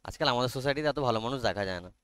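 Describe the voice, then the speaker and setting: A man's voice: mid-range voice, animated, a bit bright, clear, resonant tone, dry recording. A man with a Bengali accent teaching an online class, explaining a story in chatty Bengali laced with English and Hindi, often checking in with his students. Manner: reads English text aloud very slowly.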